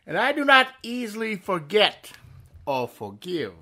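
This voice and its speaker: A man's voice: sits high, sing-song, sharp tone, heavily acted. A man playing the Shadow, an unseen, cold and threatening avenger, in 1930s-style radio drama acting. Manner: slow, ominous, mocking.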